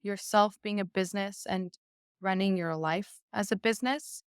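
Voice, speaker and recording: A young woman violinist with Persian as her first language joins a casual podcast as a guest, speaking frankly and filling gaps with fillers. Her medium-pitched voice is clear and resonant at a normal speed, recorded dry in studio quality.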